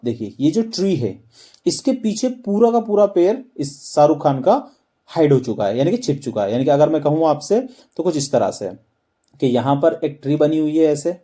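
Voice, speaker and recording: A man's voice: a little high, dark tone. Teacher man, question-and-answer style. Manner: quizzing listeners with repeated questions and answers. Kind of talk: explaining a map lesson with memory tricks.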